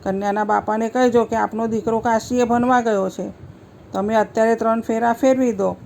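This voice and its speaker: A woman's voice: a little high, fairly even intonation, normal speed, gravelly, a little mellow, slight background noise. A woman voicing a stubborn elderly Brahmin wife who insists and scolds, in a devotional folk story. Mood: insistent.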